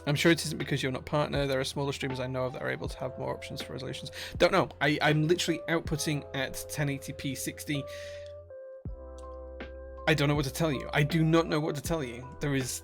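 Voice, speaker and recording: A married adult man from Yorkshire, England, with a broad local accent and a slightly high voice touched with vocal fry, chats casually on a live stream from his workshop. A streamer and keyboard builder, he reads viewer comments aloud in a friendly, chatty way, full of uhs and restarts.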